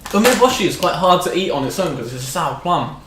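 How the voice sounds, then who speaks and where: A man's voice: sits high, very animated, fast talker. A man hosting a casual snack review in conversation. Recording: echoey room with background noise.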